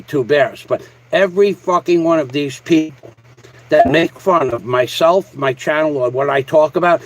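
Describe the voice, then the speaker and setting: Over poor audio, a somewhat high-voiced man livestreams casually and rants to a viewer, sounding boastful, combative, and foul-mouthed.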